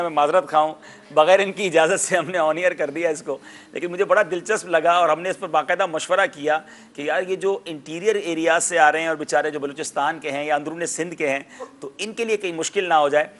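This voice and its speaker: A man hosting a televised quiz with a high, bright, forceful voice. He is lively and teacherly, explaining how words should be pronounced, and he gets loud when he announces a correct answer. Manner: explains word pronunciations like a teacher. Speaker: quiz show host.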